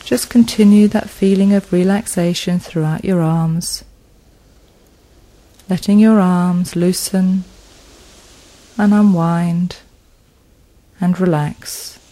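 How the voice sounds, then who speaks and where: A woman leading a guided progressive muscle relaxation, speaking in a slow, soothing manner with long pauses. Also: lowish voice, steady tone, dark tone, poor audio.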